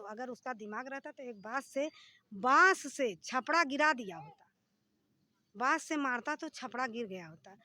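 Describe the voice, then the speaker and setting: A high-pitched woman speaks in a distressed, pleading rush as she is interviewed outdoors for a news report. She tells a long, run-on account from beside a demolished house. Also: fairly bright tone. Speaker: interviewee, family member of the house owner.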